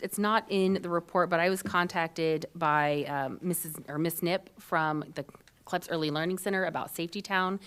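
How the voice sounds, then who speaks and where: A woman's voice: low voice, fairly bright tone. A woman serving as city manager, giving a matter-of-fact report to a city council with frequent ums. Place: council chambers.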